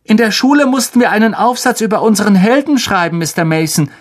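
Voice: mid-range voice, animated, quick pace, pitched above the performer's own voice, close to an everyday voice. A storybook narrator raising his voice to play a spoiled boy speaking with forced, smarmy politeness.

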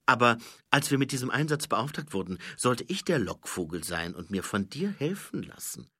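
A man voicing a guarded young female watch sergeant who speaks quietly and hesitantly, with a husky tone. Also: medium pitch, big pitch swings, moderate pace, no room sound, studio quality, pitched above the performer's own voice, full character voice.

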